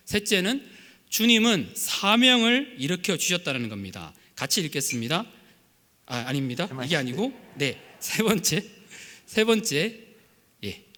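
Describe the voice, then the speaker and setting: A man's voice: high-pitched, sharp tone. A young adult male pastor with a Gyeongsang accent, preaching a sermon in an earnest way and acting out quotes with humor. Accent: Gyeongsang Korean. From Gyeongsang region, Korea. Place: church sanctuary. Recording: reverberant church sanctuary.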